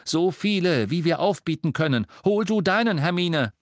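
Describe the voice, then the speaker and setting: A man voicing a teenage boy wizard who gives loud, urgent commands. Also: a little high, animated, normal speed, no echo, clean studio sound, pitched above the performer's own voice, close to an everyday voice.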